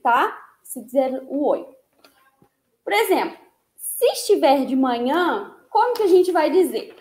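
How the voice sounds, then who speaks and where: High-voiced woman teaching slowly, echoey room. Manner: explains slowly, repeats words, checks in with tá? and ok?. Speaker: English teacher. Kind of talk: live online English lesson.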